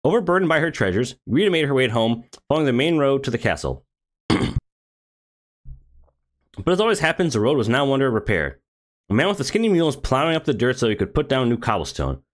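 A man's voice: medium pitch, sing-song, quick pace, long pauses. A man who streams games, reading a game story aloud with sarcastic asides.

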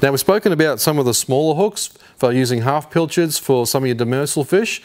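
A man in his fifties with an Australian accent, hosting a fishing tutorial in a garage workshop and explaining each step in a relaxed, slangy way. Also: mid-range voice, fairly quick. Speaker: fishing channel host. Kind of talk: hands-on tutorial. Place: indoor garage workshop with shelves.

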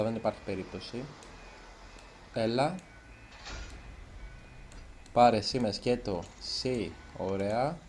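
A man's voice: lowish voice, a little mellow, slight background noise. A man giving let's play commentary as a gaming YouTuber, chatty and nervous, tripping over his words now and then. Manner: chatty, self-conscious, trips over words.

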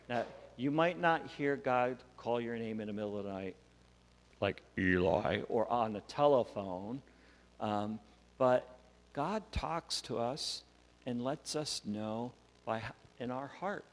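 A pastor telling a Bible story to children in a church, animated and acting out the voices. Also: male voice, mid-range voice. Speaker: pastor giving a children's message. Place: church sanctuary. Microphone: wireless mic. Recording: church hall reverb with faint hum.

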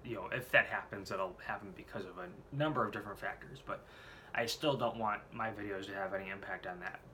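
A late-twenties male vlogger with a lowish, sharp voice talks into a desk camera in a small room at home. He's got a head cold and a scratchy throat, and he rambles on candidly, swearing freely.

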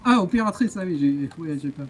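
A woman's voice: deep voice, animated, a little fast, darkish tone, faint music behind. A woman in a role-play game, speaking in an easygoing, reassuring way. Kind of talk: in-character voice chat.

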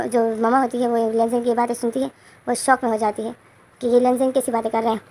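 A woman's voice: a little high, darkish tone. A woman retelling a romance story in a casual, rambling way, often correcting herself.

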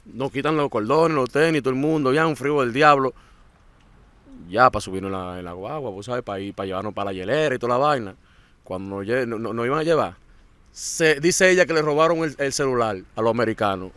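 A Dominican-accented man, a guest in a casual interview, tells his story with animation, repeating words and acting out what others said. He speaks briskly in a smooth, mid-range voice, with no room sound.

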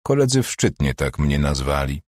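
A wry, self-mocking male detective, voiced by the narrator, speaks in a deep, husky voice with dry humor. The recording is close and dry. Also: big pitch swings, moderate pace, dry recording, exaggerated voice. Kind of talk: audiobook character voice.

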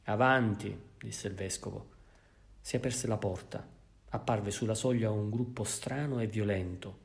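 A man with an Italian accent reading a classic novel aloud in measured, even narration. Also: lowish voice, gravelly. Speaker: audiobook reader. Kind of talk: literary audiobook narration.

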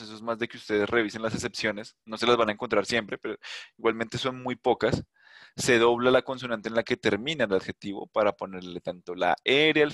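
A man teaching an online English class, walking students through grammar rules step by step. He repeats himself and checks in with quick rhetorical questions. His voice sits at a middle pitch, and the sound is dry and close to the mic. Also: a bit bright, dry recording.

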